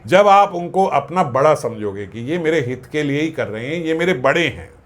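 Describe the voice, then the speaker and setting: A man giving a devotional discourse, explaining scripture verses, asking his own questions and answering them, and slowing down to chant Sanskrit lines. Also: fairly high pitch, expressive. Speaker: spiritual discourse speaker.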